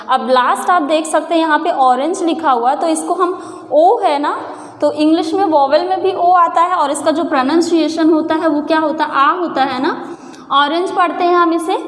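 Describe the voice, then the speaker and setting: Female teacher, high-pitched, patient explainer, recorded in a reverberant room. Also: moderate pace. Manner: patient, repeats questions to the viewer and answers them. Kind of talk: explaining a grammar lesson.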